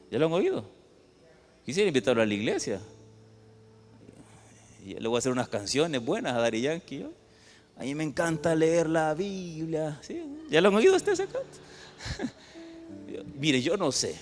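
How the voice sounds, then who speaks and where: A man preaching a sermon to his congregation. He swings between loud outbursts and hushed passages, and he often puts questions to the listeners. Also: medium pitch. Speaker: pastor. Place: church hall. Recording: echoey church hall with faint music.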